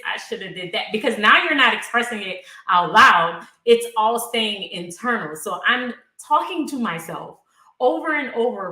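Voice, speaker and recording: A woman's voice: medium pitch, bright, forceful tone, echoey room, low-quality recording. A woman leading a casual bible study, talking conversationally and repeating key phrases for emphasis.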